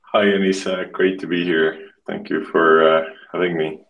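A man from Estonia in his thirties, a podcast guest talking casually and haltingly, often restarting and repeating words. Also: low-pitched, flat delivery, creaky, lo-fi sound. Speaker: podcast guest, marketing expert. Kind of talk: casual interview conversation.

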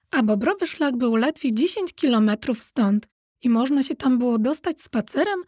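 A woman narrating a children's audiobook with lively, expressive storytelling. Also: on the high side, dry recording, clean studio sound.

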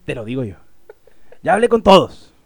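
A man's voice: a little high, big pitch swings, normal speed, creaky, no echo, pitched below the performer's own voice, heavily acted. A man playing a drunk, boastful male doctor who keeps repeating his praise. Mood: drunk gushing.

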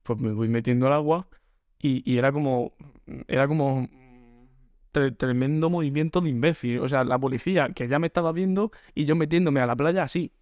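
A man's voice: mid-range voice, a little fast, no echo. Young man telling funny stories. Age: young adult. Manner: animated, acts out quotes, frequent restarts. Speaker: podcast host. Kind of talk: comedic storytelling monologue.

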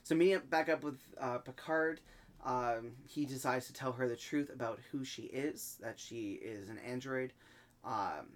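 A man hosting a podcast and recapping an episode in a relaxed way, with lots of ums. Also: medium pitch. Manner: easygoing, halting with many ums. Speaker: podcast host. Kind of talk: casual recap chat.

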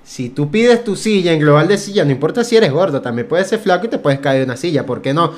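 A man with a Venezuelan accent co-hosting a comedy podcast, giving deadpan mock advertising pitches. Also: fast talker. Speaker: podcast co-host. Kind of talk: casual comedic chat.

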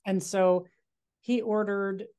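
A woman's voice: medium pitch, fairly even intonation, slow pace, warm tone, clean tone. A woman guest on a podcast, telling stories casually with fillers and restarts. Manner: rambling, many fillers and restarts. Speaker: magazine guest. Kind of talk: casual interview chat.

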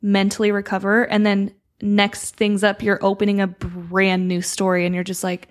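A woman's voice: mid-range voice, completely flat delivery, moderate pace. A woman co-hosting a podcast, talking in a reflective, earnest way and breaking into light laughs. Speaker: podcast co-host. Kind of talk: casual podcast chat.

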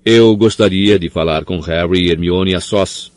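A man reading an audiobook, voicing a calm, wise old headmaster who speaks in a measured way. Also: sits low, dry recording, close to an everyday voice. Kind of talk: audiobook character voice.

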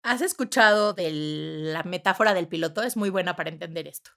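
A woman giving casual parenting advice, animated and acting out loud outbursts as examples. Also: lowish voice, a little fast, vocal fry. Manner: animated, acts out voices with sudden loud outbursts. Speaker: parenting expert guest.

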